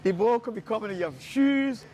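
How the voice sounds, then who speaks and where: A man from Bermuda, a restaurant owner, is a guest in a casual interview and tells animated anecdotes. He quotes people and repeats phrases for emphasis, speaking briskly in a high voice over a slight hiss or hum.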